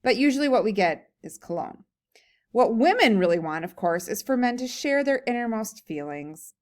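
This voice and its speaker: A woman's voice: a little high, very animated, moderate pace. A woman teacher reading a humorous story aloud, breaking off for chatty think-aloud comments and laughing while she reads.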